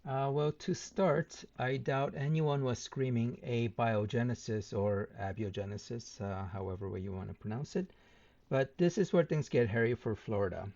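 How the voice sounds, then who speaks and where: Measured man rebutting a debate, ums. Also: medium pitch, animated, warm tone, dull audio. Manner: measured, with many filler ums and uhs. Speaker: channel host responding to a debate. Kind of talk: point-by-point rebuttal commentary.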